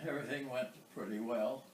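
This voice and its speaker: An American man in his nineties, an old veteran remembering his past in an interview, haltingly, with pauses and throat clearing. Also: mid-range voice, steady tone. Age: 90s. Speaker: war veteran being interviewed. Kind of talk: oral history interview, recounting memories. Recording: roomy, distant microphone, some background noise.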